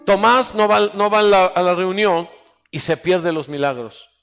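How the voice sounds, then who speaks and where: A man's voice: high voice, moderate pace, fairly bright tone, clear, resonant tone. A male pastor preaching a sermon, calling on the congregation to repeat phrases after him. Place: church hall. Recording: church hall reverb with faint music.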